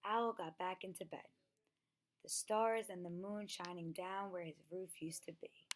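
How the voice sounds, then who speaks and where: A storybook reader with a lowish voice reads a children's picture book aloud, expressive and deliberate in her storytelling. The recording has noticeable background noise and clicks.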